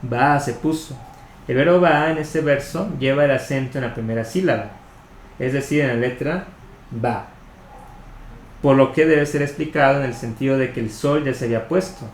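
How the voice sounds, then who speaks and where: Man, mid pitch, measured explanatory reader of a study text, roomy echo. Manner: measured, explanatory, spells out Hebrew terms. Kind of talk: reading a commentary aloud. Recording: echoey room with faint noise.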